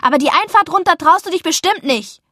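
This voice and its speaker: A cheeky young boy who brags loudly and flares up quickly, as a woman reads him. He taunts and shouts his boasts in a high, dry-sounding voice. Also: sing-song, no room sound. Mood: angry. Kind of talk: audiobook character voice.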